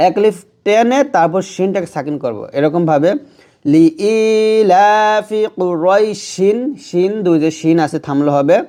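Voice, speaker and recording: Speaking in a high, warm voice with a Bangladeshi Bengali accent, a man walks through Quran recitation rules one at a time. After each explanation, he slowly chants the verse, stretching it out.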